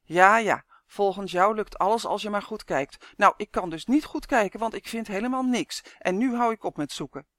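A woman's voice: mid-range voice, fairly quick, few pauses, no echo, clean studio sound, lightly acted. A woman voicing a squeamish, grumpy young boy who complains and sulks, in a storybook reading. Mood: grumbling. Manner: sulky, complaining.

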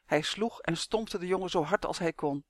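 Steady fantasy audiobook narrator. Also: medium pitch, no echo, clean studio sound. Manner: steady, measured storytelling. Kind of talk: scripted narration of a children's fantasy.

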